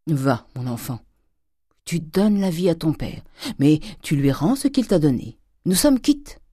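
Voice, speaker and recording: Brief: reader playing a scheming old miser, coaxing, stammering, dark dry audiobook voice. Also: very animated, unhurried, husky, dry recording. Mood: triumphant. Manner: wheedling, stammering, with sudden whispers and high jumps. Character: old miserly father, cunning and wheedling.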